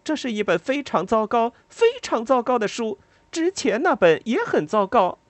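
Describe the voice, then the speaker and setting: A bitter, sharp-tongued woman in an audiobook, voiced by the reader, high and wildly swinging in pitch, cutting and resentful. The voice is close and dry. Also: big pitch swings, unhurried, dry recording. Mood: shouting. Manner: cutting and resentful, breaking into sobs.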